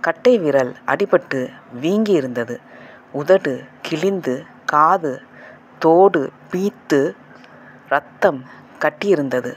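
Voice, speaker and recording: A man narrating a novel as an audiobook in a calm, measured storytelling manner. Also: fairly high pitch, a little hiss or hum.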